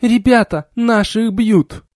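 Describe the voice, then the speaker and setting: Guy putting on a high shrill young woman, hot tempered, storybook style. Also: expressive, moderate pace, warm tone, no room sound, clean studio sound. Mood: furious shrieking. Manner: high shrill voice, swinging from bewildered to screaming. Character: young woman, quick-tempered orphanage brawler.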